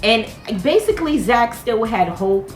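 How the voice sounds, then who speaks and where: Chatty high-voiced woman recapping TV. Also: measured pace, reverberant, faint music behind. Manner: chatty, animated, talks straight to viewers. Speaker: TV show recap host. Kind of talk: casual TV recap commentary.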